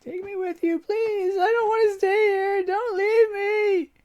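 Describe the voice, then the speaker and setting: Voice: animated, measured pace, creaky, a little mellow, exaggerated voice. Henri, a reader voicing a dying girl. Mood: delirious pleading. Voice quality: high, tearful, calling out. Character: dying young woman, delirious, childlike and pleading. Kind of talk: audiobook character voice.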